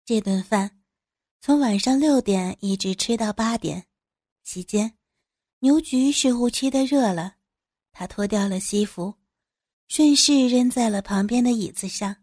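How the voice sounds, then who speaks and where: Woman narrating a racy audio story, high voice. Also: unhurried, darkish tone, dry recording, studio quality. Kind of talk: first-person adult audio story narration.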